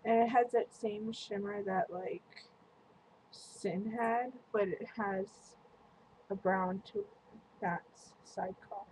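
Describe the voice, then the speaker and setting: Slow, chatty woman on a webcam. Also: medium pitch, steady tone, a little mellow, rough recording. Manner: chatty, slow and meandering, lots of "like". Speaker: beauty vlogger. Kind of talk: casual product review. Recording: faint room noise on a webcam mic.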